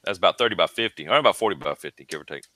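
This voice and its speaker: A man plays a tabletop game and chats in a casual, joking way. His voice swings in pitch and is very bright and forceful. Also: lively intonation, racing, no echo.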